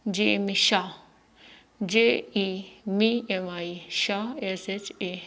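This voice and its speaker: Woman teacher, spelling lesson, letter-by-letter, unhurried pace. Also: mid-range voice, steady tone, fairly bright tone. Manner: slow, spelling names letter by letter.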